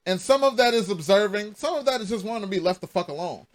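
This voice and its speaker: A man's voice: sits high, expressive, fast. A man co-hosting a podcast, talking bluntly with lots of swearing and stop-start restarts. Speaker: podcast co-host. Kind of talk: casual chat.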